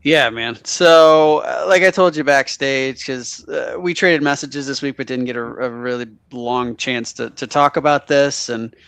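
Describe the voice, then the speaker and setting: A man's voice: mid-range voice, a little slow, hardly any pauses, fairly bright tone, clear, resonant tone, dry recording. A man chatting casually as co-host of a live stream, greeting viewers and talking with his partner.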